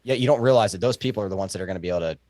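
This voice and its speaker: Doctor guy guesting on a podcast, rattles along fast, lowish voice, super dry sound. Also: a little mellow, dry recording. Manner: fast, emphatic, joking. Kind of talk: casual podcast conversation.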